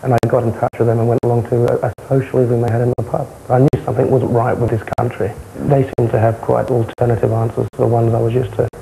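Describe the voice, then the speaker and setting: A young man with a South London accent, answering interview questions in a matter-of-fact, halting way. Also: mid-range voice, flat delivery, gravelly, mellow, slight background noise, low-quality recording. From South London, England. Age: young adult. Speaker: interviewee, former far-right insider. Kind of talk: candid television interview. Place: indoor television interview, close camera.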